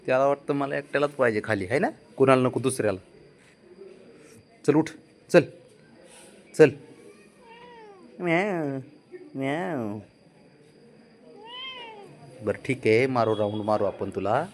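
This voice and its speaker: A man talking casually to his pet cat, coaxing, pleading and gently scolding it. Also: mid-range voice, moderate pace, long pauses, a little hiss or hum. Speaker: pet owner.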